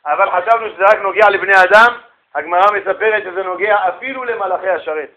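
A man teaching a Talmud class in colloquial storytelling, animated and emphatic, acting out the characters' dialogue. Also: sits high, dull audio. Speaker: Torah teacher.

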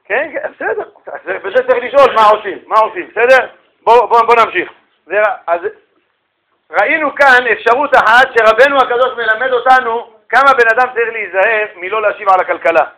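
A man teaching a Talmud class in colloquial storytelling, animated and emphatic, acting out the characters' dialogue. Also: very high-pitched, low-quality recording. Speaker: Torah teacher.

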